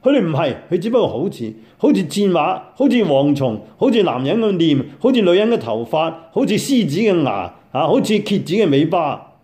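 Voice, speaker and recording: Older hk guy preaching, voice swings all over, mellow tone, keeps repeating stuff for punch. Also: fairly high pitch, a little fast, few pauses. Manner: animated, exclaiming, repeating phrases for emphasis. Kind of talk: sermon on scripture.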